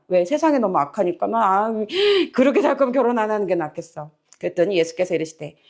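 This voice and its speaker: A middle-aged woman pastor preaching a lively sermon in church, acting out the voices she quotes. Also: medium pitch. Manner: animated, acts out quoted voices and laughs often.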